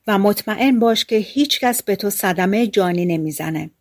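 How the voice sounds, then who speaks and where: A woman voicing a soft-spoken cursed maiden. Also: medium pitch, close to an everyday voice. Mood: pleading. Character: cursed young woman with a blackened face. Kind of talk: audiobook storytelling.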